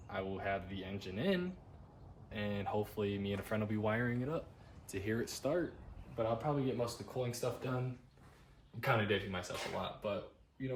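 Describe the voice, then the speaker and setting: A nineteen-year-old man rambling casually in a monotone for his vlog, tired late at night. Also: on the low side, slight background noise. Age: young adult. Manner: self-described monotone, relaxed and rambling. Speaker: vlogger.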